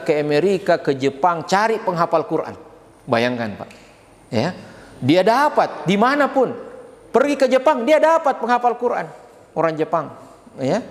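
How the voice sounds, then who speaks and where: A man preaching in a mosque hall, his coloring every phrase. His voice sits a little high and swings widely in pitch as he tosses quick asides to the congregation. The sound carries a long reverb, with faint room ambience underneath. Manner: animated, frequent tag questions. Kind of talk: mosque sermon.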